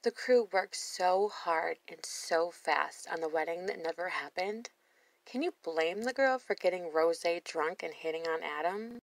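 A woman's voice: on the low side, measured pace, poor audio. Sassy, blunt woman commentator. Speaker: reaction video host. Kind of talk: voice-over commentary on a reality show.

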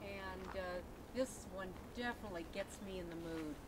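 Gentle, admiring woman outdoors. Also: mid-range voice, moderate pace, low-quality recording. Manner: admiring, gentle, with many fillers. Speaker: garden tour guide. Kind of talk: casual walking tour chat. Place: outdoor botanical garden. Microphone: camera held by companion. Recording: outdoor noise on camera mic.

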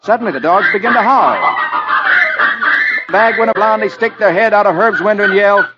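A man hosting a children's radio show in 1950s storytelling style, reading the comics with lively, playful narration. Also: high voice, normal speed, muffled recording. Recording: scratchy old radio recording.

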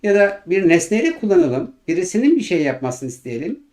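An English teacher giving a grammar lesson, patiently repeating each example slowly, with hesitant fillers between phrases. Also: mid-range voice, big pitch swings, a little mellow.

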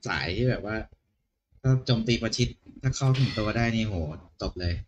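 A man in casual chat about the game he is playing, relaxed and chatty. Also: lowish voice, moderate pace, lo-fi sound, a little hiss or hum. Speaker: gamer. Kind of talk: casual chat over gameplay. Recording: game music behind.

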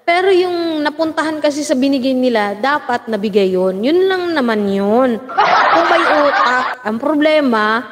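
A woman from the Philippines hosting a casual livestream, laughing often and gossiping as she reads out viewer comments and shout-outs. She has a lingering cough. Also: high voice, lively intonation, unhurried. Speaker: livestream host. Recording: long reverb, loud background noise.

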